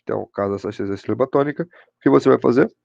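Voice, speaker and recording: A man's voice: mid-range voice, rapid-fire, creaky, a little mellow, muffled recording, slight background noise. A man with a Brazilian Portuguese accent teaching an online English grammar class, often checking in with his students. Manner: repeats "show de bola" and "pessoal", checks in with students.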